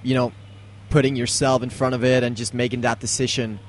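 Mid-pitched male podcast co-host. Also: little pitch movement, a little fast. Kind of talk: casual chat.

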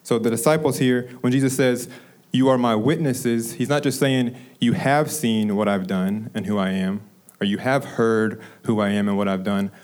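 A young man preaching a sermon to his congregation, telling a story and then slowing down to stress the key phrases. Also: mid-range voice, a little mellow. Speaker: preacher, ministry director.

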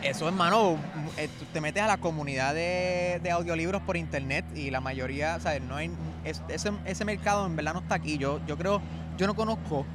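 A man's voice: on the high side, brisk, background noise. A man with a Puerto Rican accent, a voice actor, explaining things in an easygoing casual chat. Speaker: voice actor and audiobook producer.

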